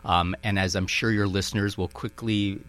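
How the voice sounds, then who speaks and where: With a lowish, fairly bright voice and fairly even intonation, a Minnesota-accented museum director talks at normal speed. The middle-aged man muses through radio interview questions, hedging and using plenty of fillers.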